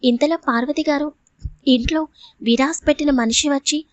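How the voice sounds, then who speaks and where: A woman narrating a serial audio story in a steady, even manner. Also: high voice, moderate pace, no room sound. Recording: dull lo-fi audio.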